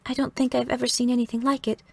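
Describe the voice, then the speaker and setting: A woman's voice: a little high, flat delivery, fast talker, gravelly, a little mellow, no echo, pitched above the performer's own voice. Woman doing a timid little girl. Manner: polite and nervous. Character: timid nine-year-old girl.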